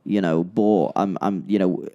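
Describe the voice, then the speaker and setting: A man's voice: low voice, fairly even intonation, measured pace, dark tone, smooth, muffled recording. A British man in casual podcast chat as co-host, rambling and repeating "yeah" and "you know".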